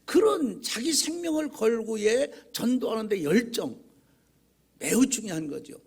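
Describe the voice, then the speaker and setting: A man preaching from a church pulpit with a husky, high-pitched voice. His pitch swings widely as he tells folksy, humorous stories. He speaks conversationally and keeps posing rhetorical questions to the congregation. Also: expressive, unhurried, darkish tone. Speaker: pastor. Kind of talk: sermon. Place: church sanctuary.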